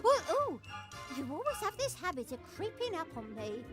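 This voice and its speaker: A flustered, skeptical potion brewer from an adventure game. The voice is extremely high and swings widely, yet takes its time, with fretful exclamations over a musical backing. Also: female voice, wildly swooping pitch, normal speed, music in the background, heavily acted. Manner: fretful, exclamatory, clipped word-by-word dismissals. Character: jumpy, flustered, stubbornly skeptical woman who brews potions. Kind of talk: acted adventure game dialogue.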